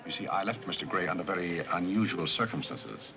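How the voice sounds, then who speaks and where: An actor playing a polite, reserved gentleman butler with a formal, dry manner in a 1930s film. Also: low voice, expressive, brisk, highs cut off. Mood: composed. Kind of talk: 1930s screwball film acting. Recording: old 1930s film soundtrack, music behind.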